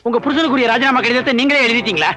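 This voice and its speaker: A put-upon office peon who grumbles wryly in a very high voice at a rapid clip. Film music plays clearly under him. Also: male voice. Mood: grumbling. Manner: complaining, wry.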